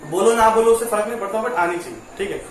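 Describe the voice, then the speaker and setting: A man's voice: sits high, fast talker, a little hiss or hum. A man giving a casual spoken lesson in a chatty way, often checking in with the listener and mixing English phrases into his talk. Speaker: teacher. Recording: echoey room, voice far from mic.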